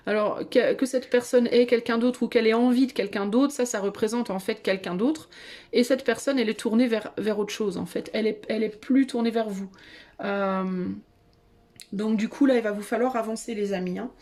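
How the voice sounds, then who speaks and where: A woman's voice: on the high side, normal speed, darkish tone. A woman giving a casual tarot reading to her viewers, chatty and hesitant, with many fillers and restarts. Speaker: tarot reader.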